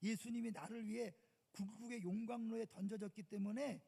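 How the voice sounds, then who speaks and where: A male senior pastor preaching a sermon with emphatic swings from loud outbursts to hushed asides, heard in a church sanctuary. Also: sits high, fairly even intonation, moderate pace, creaky, breathy edge. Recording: long church reverb.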